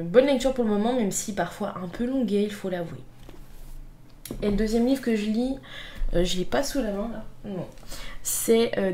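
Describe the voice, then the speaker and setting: A woman's voice: mid-range voice, dark tone, a little hiss or hum. A woman book vlogger talking casually through an unboxing, chatty and playful, with many fillers.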